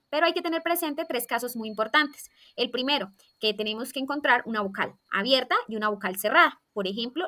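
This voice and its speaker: Bright, higher-voiced woman teaching children. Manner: clear, methodical explaining with listed examples. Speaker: primary school teacher. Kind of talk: scripted grammar lesson for children.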